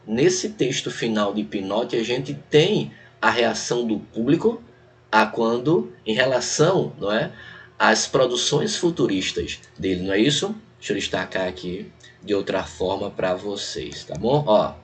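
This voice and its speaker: Man, Brazilian Portuguese accent, lowish voice, teacher, online lecture, conversational, checks in with the class. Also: lively intonation, measured pace. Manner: conversational, often checks in with the students; walks through a text on screen point by point. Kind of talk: online exam-prep lecture.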